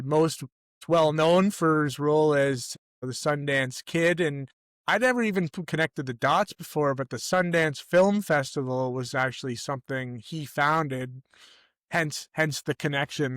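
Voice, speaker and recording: A man's voice: a little high, a little slow, a bit bright, dry recording. A middle-aged Canadian man co-hosting a casual sports podcast, rambling and correcting himself as he tells stories. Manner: rambling, self-correcting storyteller. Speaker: podcast co-host.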